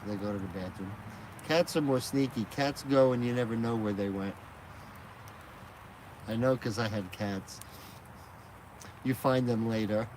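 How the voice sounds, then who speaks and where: Sitting outside at night next to a fire, a man live-streams on a phone fixed to a gimbal, his fairly low voice unhurried and broken by long pauses. He's chatty and rambling, laughs readily, and the background is noisy.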